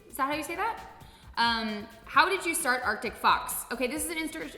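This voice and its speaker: Speaking fast with a high, sharp voice and lively intonation, a San Diego vlog host with a Californian accent answers questions in a candid, casual chat full of swearing. Music plays beneath her, and the room echoes.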